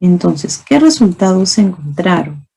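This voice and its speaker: Speaking to fellow teachers in a recorded lecture on early reading, this woman sounds very animated, with a lowish, creaky voice, warm tone, and breathy edge at normal speed. She explains with spoken examples and rhetorical questions, often asking "¿no?" to check understanding.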